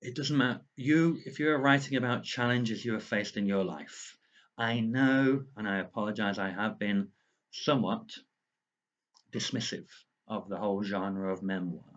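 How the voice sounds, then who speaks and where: Guy with a bit of a lisp, lowish voice, rambling home video diary, kinda dull lo-fi sound. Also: unhurried, a bit bright. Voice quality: slight lisp. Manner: rambling, earnest, talks straight to the viewer. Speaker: author vlogger. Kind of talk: casual lockdown video diary. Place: at home indoors.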